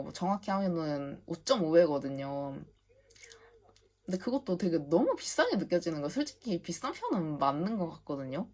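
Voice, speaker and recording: Low-voiced young woman ranting indignantly. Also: a little mellow. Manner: indignant, ranting, swears when retelling; chatty, heavy use of fillers. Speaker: vlogger. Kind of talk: casual storytelling voice-over.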